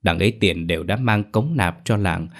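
A man's voice: low-pitched, normal speed. A man voicing a terrified peasant man in a horror story, stammering and sobbing as he begs for mercy. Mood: begging.

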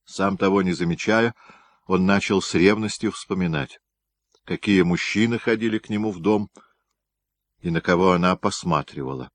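A man narrating an audiobook in an expressive storytelling manner. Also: sits low, moderate pace, no echo. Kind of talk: scripted narration.

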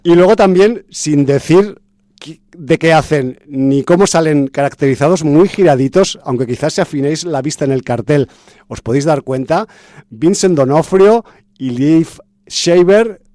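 A man's voice: fairly high pitch, moderate pace, mellow, no room sound, studio quality. A man from chatting casually about a film's cast as a podcast host, full of fillers and restarts. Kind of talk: casual film review chat.

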